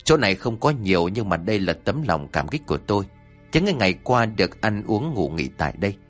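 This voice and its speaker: A man voicing a traveling man who speaks calmly, courteously and thoughtfully. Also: fairly low pitch, soft background music. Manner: calm, measured, courteous.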